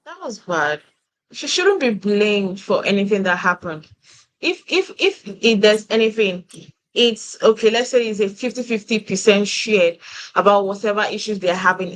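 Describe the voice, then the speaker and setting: A woman's voice: mid-range voice, fairly bright tone, poor audio. A woman on a reality TV review panel, talking earnestly and reasoning through her points with repeated words. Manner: earnest, reasoning aloud with repetitions. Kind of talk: casual reality TV review chat.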